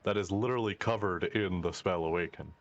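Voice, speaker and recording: A man's voice: sits low, a little fast. A man playing a tabletop game, chatting casually in a slightly dull, lo-fi recording.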